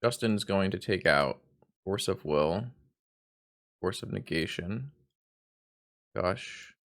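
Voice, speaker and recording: Male card game streamer, fairly low voice, hungover, self-deprecating and sweary, rambling live commentary. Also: expressive, slow, creaky.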